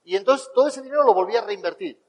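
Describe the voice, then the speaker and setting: High-voiced Spanish man telling stories. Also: fast, long reverb tail, low-quality recording. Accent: Spain Spanish. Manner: animated, acts out dialogue in his stories. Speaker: motivational speaker. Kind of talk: motivational storytelling talk.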